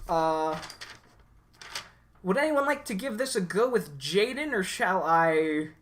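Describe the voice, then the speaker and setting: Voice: mid-range voice, animated, slow pace, fairly bright tone. Rambling livestream host. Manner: rambling, filler-heavy, talks through technical setup. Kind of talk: casual livestream hosting.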